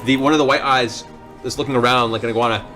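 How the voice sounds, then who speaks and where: Over background music, a man with a medium-pitched, steady voice talks fast in a pushed, bright tone. He's the game master of a tabletop fantasy game, narrating in a descriptive, dramatic storytelling style.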